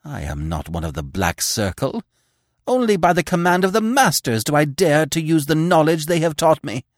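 A man's voice: mid-range voice, big pitch swings, a little slow, dry recording, studio quality, pitched above the performer's own voice. A man voicing a reserved male servant magician who speaks in a restrained, anxious way, afraid of his masters. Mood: fearful.

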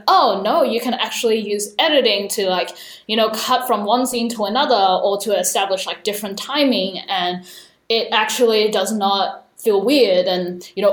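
A woman's voice: a little high, reverberant. A young woman raised in Australia and Hong Kong, talking thoughtfully as an interview guest, with many fillers. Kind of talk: casual interview conversation.

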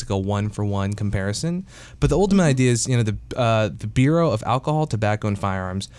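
In a mid-range, somewhat dark voice, a man hosts an investing podcast. He talks conversationally and casually, often filling gaps with "uh" and "you know."

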